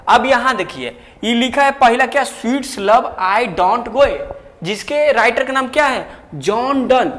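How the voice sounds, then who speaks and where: High-pitched guy teaching exam tricks, jokey chatty, echoey room with long reverb. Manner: chatty, jokey, colloquial, rises loud when excited. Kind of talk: exam tips lesson with memory tricks.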